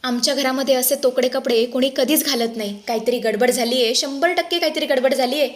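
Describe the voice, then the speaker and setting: A woman's voice: high voice, a little fast, lightly acted. A woman voicing a middle-aged father-in-law who soothes and apologizes to guests, in a story recap. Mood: placating.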